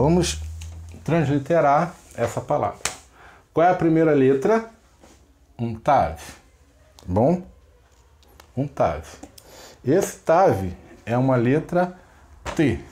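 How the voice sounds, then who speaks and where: A man's voice: medium pitch, warm tone, slight background noise. Patient male teacher. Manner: patient, checks in with frequent "ok?" and "né?". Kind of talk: classroom lesson at a whiteboard.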